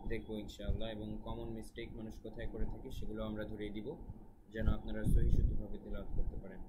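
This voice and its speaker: A male recitation teacher who chants verses high and slow, then explains pronunciation and repeats words to correct them. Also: background noise. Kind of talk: recitation lesson.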